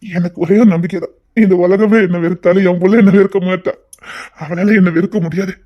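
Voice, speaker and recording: An actor playing a middle-aged uncle in a TV serial, tender and pleading, who keeps repeating endearments. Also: male voice, high-pitched, steady tone, brisk, muffled recording. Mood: doting. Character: doting, guilt-ridden middle-aged uncle. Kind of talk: TV serial acting.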